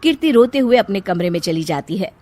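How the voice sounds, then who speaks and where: A woman's voice: mid-range voice, lively intonation, brisk, darkish tone, dry recording. A woman narrator reading a scripted moral story.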